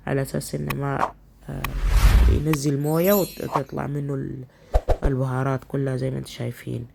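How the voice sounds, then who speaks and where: A woman's voice: low voice, dark tone. A woman with a stuffy, congested nose from a cold, chattily explaining home cooking step by step in a casual way. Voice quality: nasal, congested, husky. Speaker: cooking vlogger, host.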